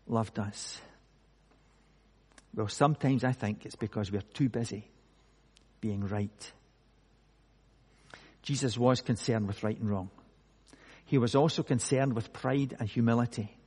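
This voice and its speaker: Slow husky preacher in a reverberant hall. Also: male voice, mid-range voice, a little mellow. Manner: slow, emphatic preaching with dramatic pauses. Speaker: pastor. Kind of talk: sermon.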